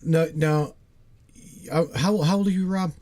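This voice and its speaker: A man's voice: a little high, steady tone, unhurried, darkish tone. A man in his forties hosting a casual livestream chat, talking animatedly and emphatically, repeating himself and checking in with "okay?". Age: 40s. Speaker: host.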